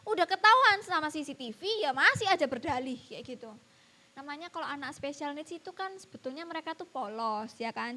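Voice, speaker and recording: A woman's voice: high voice, sharp tone. A woman preaching a church sermon, telling a personal story and addressing the congregation often. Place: church service.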